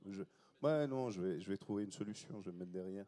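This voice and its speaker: Stage host, man, low mellow voice, rushed and improvising. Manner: hurried, improvising, self-interrupting. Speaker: festival panel host. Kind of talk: live stage introduction. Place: festival stage.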